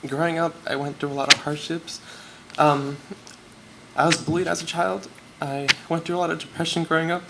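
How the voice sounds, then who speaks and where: A teenage boy nervously reads a prepared acceptance speech from notes for a student award, growing tearful. His voice is fairly high, creaky and brisk with fairly even intonation, and the live event recording is noisy.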